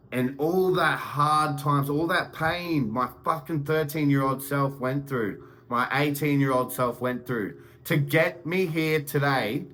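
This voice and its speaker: A young man talks straight to camera in a loose, profane motivational ramble, his voice sitting at an ordinary middle pitch. He keeps building up steam and turning emphatic, and a faint hiss of noise runs underneath. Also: a bit bright, poor audio. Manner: heavy swearing, gets heated and emphatic. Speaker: motivational vlogger. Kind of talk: unscripted motivational monologue.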